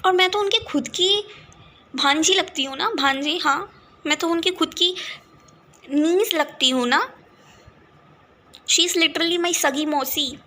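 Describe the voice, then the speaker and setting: A woman's voice: very high-pitched, slow, long pauses, pushed and bright. A young woman from India, a vlogger, talking in a casual, frustrated monologue and mixing in English phrases. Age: young adult.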